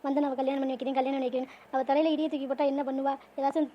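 A woman voicing a middle-aged mother-in-law in a cartoon family drama, lamenting and scolding loudly and fast. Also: sits high, little pitch movement, lo-fi sound, natural voice. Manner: loud, rapid, lamenting scolding.

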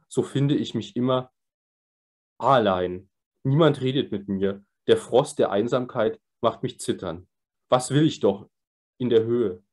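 A man voicing a troubled young man who speaks in a pleading, halting way with small stumbles. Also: medium pitch, darkish tone, lightly acted.

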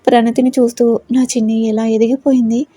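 A woman's voice: on the high side, flat delivery, brisk, mellow, no room sound. Woman playing a teasing young husband. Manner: teasing, husky murmur.

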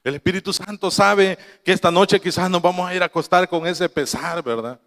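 A man's voice: high voice, a little fast, a bit bright, long reverb tail. A man preaching a sermon to his congregation, telling a family story with quoted voices and laughing asides. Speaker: pastor.

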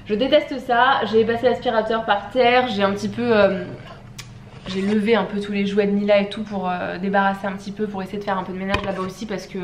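A woman's voice: medium pitch, level tone, fairly quick, a little hiss or hum. A young woman vlogging casually at home, chatty and rambling with many fillers. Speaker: beauty vlogger. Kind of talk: casual vlog chat. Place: at home, indoors. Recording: echoey room.

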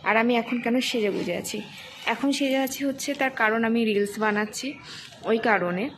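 A young woman from Bengal, hoarse and rough-voiced, stumbling over words as she talks through a casual daily vlog. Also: a little high, a little fast, soft background music. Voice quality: rough, cracking voice. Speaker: vlogger.

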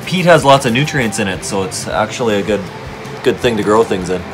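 A father in a home basement walking his kids through planting seedlings, explaining each step gently into a handheld phone camera. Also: on the low side, lively intonation, a little fast, over music. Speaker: parent gardening with his kids. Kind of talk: casual home video.

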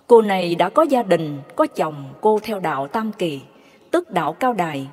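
A woman narrating devotional stories in a measured, reverent way. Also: lowish voice, very animated, darkish tone. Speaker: storyteller. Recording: long hall reverb.

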